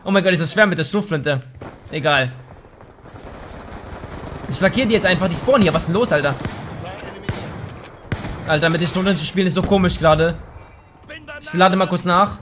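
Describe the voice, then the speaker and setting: A young man giving live commentary over his shooter gameplay, excitable and slangy, often swearing in annoyance. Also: sits high, a little fast, pauses often, a little hiss or hum. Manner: slangy, says "Alter" a lot. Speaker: let's play gamer. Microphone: gaming microphone.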